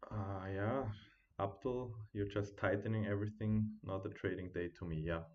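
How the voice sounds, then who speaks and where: A man at home giving live trading commentary, thinking aloud as he watches the charts and chats with his viewers, on a quiet built-in computer mic. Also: on the low side, fairly even intonation, moderate pace, highs cut off. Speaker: day trading streamer.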